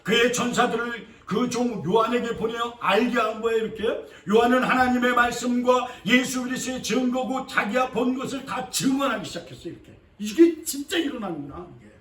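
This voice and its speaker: A man's voice: extremely high pitch, a little fast, hardly any pauses, distant mic. Emphatic preaching man in an echoey church. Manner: emphatic, repetitive, swings from loud to quiet. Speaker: pastor. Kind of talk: sermon. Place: church sanctuary.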